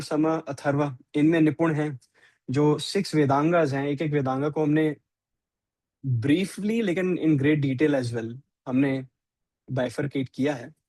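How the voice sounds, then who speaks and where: Indian male teacher, unhurried lecture delivery, dry close sound. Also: a little high, a little mellow, no room sound. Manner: mixes Hindi and English, checks in with "right?". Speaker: teacher of scripture. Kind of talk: scripture class lecture.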